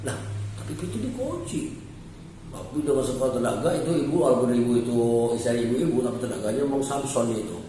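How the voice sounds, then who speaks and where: A man from Java, telling a comic folk tale in an animated way. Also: medium pitch, fast talker. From West Java. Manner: animated, jumping between voices. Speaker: storyteller. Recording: echoey room, voice from far off, faint noise.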